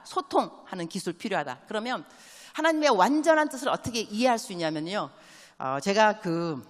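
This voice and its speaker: In a large church sanctuary with long, echoing reverb, a mid-range-voiced woman missionary delivers a sermon. She tells animated stories, mixes in English phrases, and tosses quick call-and-response questions to the congregation.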